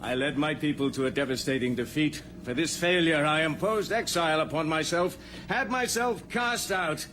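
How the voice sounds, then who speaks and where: An actor playing a proud exiled undersea prince, speaking formally and solemnly in a radio drama. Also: male voice, on the high side, normal speed, a bit bright, slight background noise, close to an everyday voice. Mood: haughty, solemn. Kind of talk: 1990s radio drama acting. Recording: music under the dialogue.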